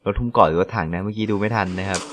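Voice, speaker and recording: Excitable young Thai man playing a game. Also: deep voice, very fast, noisy background. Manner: excitable, exclaims and laughs often, slangy; speaks quietly late at night. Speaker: gameplay commentator. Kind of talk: casual let's-play commentary. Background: game music.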